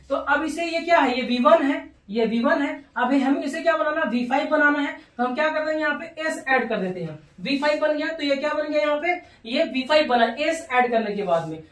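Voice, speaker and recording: A high-voiced woman teaches English grammar in Hindi, spelling out each word letter by letter and repeating its verb forms. She keeps asking the class rhetorical check-in questions. Her voice is distant from the mic and rings in an echoey room.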